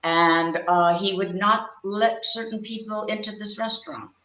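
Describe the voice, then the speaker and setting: A woman's voice: medium pitch, flat delivery, a little slow, bright, forceful tone. An older woman from Pennsylvania, a guest actress and puppeteer, telling stories from her career in a rambling, reminiscing way. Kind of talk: casual interview chat. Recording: echoey, muffled lo-fi audio.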